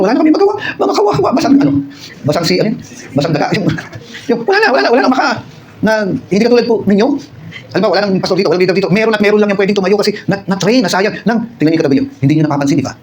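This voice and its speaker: A man's voice: on the high side, slight background noise. A middle-aged Filipino man preaching a conversational midweek sermon, asking his congregation rhetorical questions and telling personal stories. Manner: personal storytelling with acted quotes. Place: church service.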